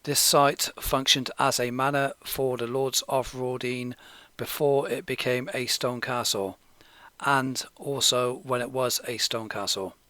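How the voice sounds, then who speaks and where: Guy from gloucestershire narrating a history doc, pretty monotone, steady and measured. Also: mid-range voice, dry recording. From Gloucestershire, England. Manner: steady, measured, informative delivery. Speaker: documentary narrator. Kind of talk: scripted documentary narration.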